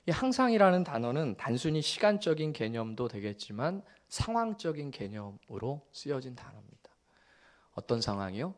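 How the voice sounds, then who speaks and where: Man in his forties, pastor, sermon delivery, swings between near-whispers and laughing exclamations, mid-pitched voice. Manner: storytelling, shifting from hushed tenderness to excited laughter.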